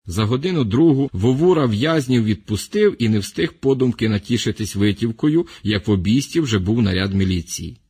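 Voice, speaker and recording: A man reading a short story aloud in a steady, measured storytelling manner. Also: fairly low pitch, husky. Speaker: narrator.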